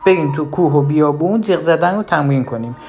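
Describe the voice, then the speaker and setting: A parenting advisor giving direct advice to the listener, asking rhetorical questions and shifting between lively and low, emphatic tones. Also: soft background music.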